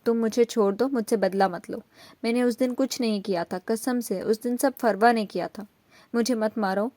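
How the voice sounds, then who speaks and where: A woman's voice: fairly high pitch, a little mellow, no room sound, lightly acted. A woman voicing a frightened, tearful young woman who pleads to be let go, in a storybook reading. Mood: pleading tearful. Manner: pleading, sobbing.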